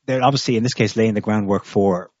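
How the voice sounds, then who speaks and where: A man co-hosting a political discussion, reading out quotes and analysing them in a measured way. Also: fairly low pitch, a little mellow, dry recording. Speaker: co-host. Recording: muffled dry audio.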